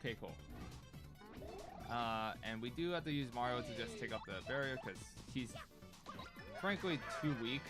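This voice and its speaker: A gaming streamer whose first language is Cantonese chats animatedly while playing, thinking out loud with long pauses. He speaks at normal speed and medium pitch, with the game's music clearly audible behind him.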